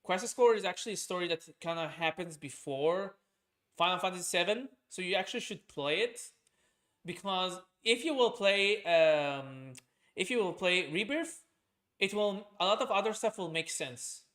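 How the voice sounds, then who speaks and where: A man's voice: sits high, expressive, normal speed, fairly bright tone. Rambling man with a raised voice. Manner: rambling, many fillers and restarts. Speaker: streamer and podcast host. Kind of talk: casual chat.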